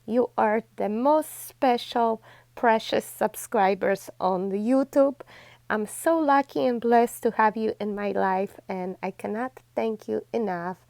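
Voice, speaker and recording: A DIY craft channel host walks her viewers through a tutorial one step at a time, chatty and effusive, warmly thanking them as "besties" while keeping her instructions steady. Her fairly high voice is creaky and unhurried, with no room sound.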